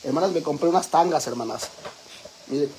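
A man's voice: fairly high pitch, fairly quick, a little mellow, slight background noise, natural voice. A man with a Mexican accent playing a brash, foul-mouthed middle-aged woman who gossips with her viewers in a comic vlog. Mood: chatty. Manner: crude, gossipy, addresses viewers as sisters.

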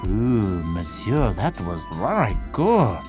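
Polite french narrator for a cartoon, low slow voice, french accent. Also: male voice, big pitch swings, over music. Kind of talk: scripted narration.

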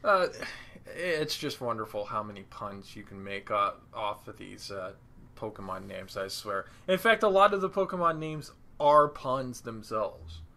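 A man's voice: on the low side, big pitch swings, a little slow, creaky, bright, forceful tone. A man co-hosting a casual podcast, making puns and hedging his talk with frequent fillers. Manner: punning, hesitant with many uh fillers. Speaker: podcast co-host.

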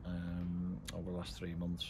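A middle-aged English football manager gives a blunt, measured post-match interview outdoors at night, saying "um" frequently. His voice is low, monotone and somewhat dark, with outdoor noise in the background.

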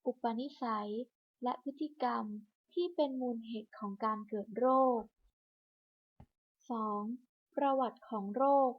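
Lady reading clinic info over the hospital pa, kinda high voice, muffled lo-fi sound, steady list-by-list. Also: husky. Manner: measured, even list-by-list reading. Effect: broadcast over a hospital public address system. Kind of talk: scripted informational announcement. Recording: muffled lo-fi loudspeaker broadcast.

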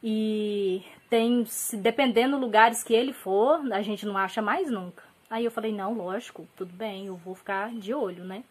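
A woman's voice: medium pitch, normal speed, few pauses, husky. A woman with a Goiás Brazilian accent telling a personal faith testimony to her viewers, earnest and emotional, acting out the quoted lines as she goes. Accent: Goiás Brazilian Portuguese. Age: adult, mother. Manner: earnest, emotional storytelling with lively acted quotes. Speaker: vlogger.

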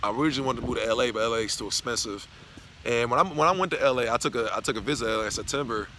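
A young man from Knoxville, Tennessee, delivers a rapid-fire, loose and profane vlog rant while walking a college campus, phone camera at arm's length. His voice is medium in pitch, bright and forceful, and the outdoor audio carries clear background noise.

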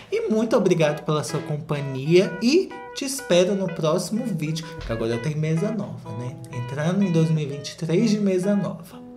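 A young Brazilian man delivering gossip commentary for his vlog, sassy and theatrical, with a very lively pitch that leaps into mocking squeals. His voice bounces around a reverberant room. Soft music plays underneath. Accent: Brazilian Portuguese. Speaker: commentary YouTuber. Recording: echoey room with faint music.

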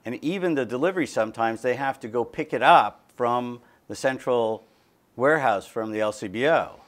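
A man's voice: medium pitch, normal speed. A middle-aged man hosting a studio interview, asking long, detailed questions and gesturing with both hands. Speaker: talk show host. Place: small TV studio with dark curtains. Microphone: lapel mic.

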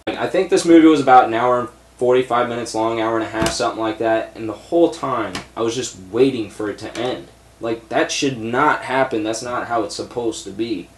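A man's voice: mid-range voice, fairly quick, roomy sound, slight background noise. A young man reviewing a movie in a blunt, profane, exasperated rant, seated at a desk in a small room full of shelves. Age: young adult.

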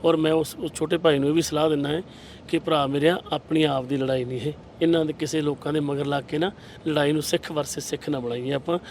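Fast-talking, forceful man. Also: on the high side, fairly even intonation, a little hiss or hum. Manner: forceful, rhetorical, retells scenes with quoted dialogue. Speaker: political candidate. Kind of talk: impassioned interview answers.

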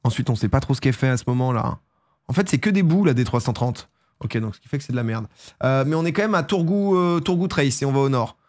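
A fast-talking young man with a sore throat chats on a live stream, casual and excitable. He jumps into loud, high bursts as he goes.

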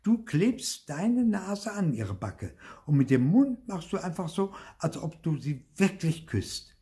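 An older man reading aloud, voicing an excitable, insistent little girl in a storybook. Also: slow pace, exaggerated voice. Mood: knowing. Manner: shrill, wide-eyed and insistent.

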